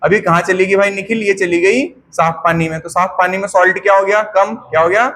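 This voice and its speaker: A man teaches biology loudly, quizzing students over and over with questions and answers and easing his pace to dictate notes during this classroom lecture. He has a high, slightly bright voice with fairly even intonation, over faint background noise.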